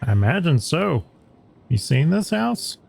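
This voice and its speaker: Gravelly-voiced man chatting while playing. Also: on the high side, very animated, a little slow, darkish tone, slight background noise. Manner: chatty, wry asides to the game. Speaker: player. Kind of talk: casual let's-play commentary.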